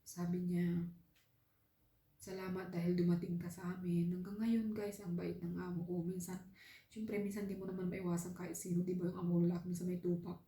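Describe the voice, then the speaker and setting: A woman's voice: lowish voice, level tone, fast talker, dark tone, echoey room. A woman from the Philippines working abroad as a domestic helper, earnestly telling her own story in a casual vlog and often speaking straight to her viewers. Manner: earnest, heartfelt, often addresses viewers as "guys".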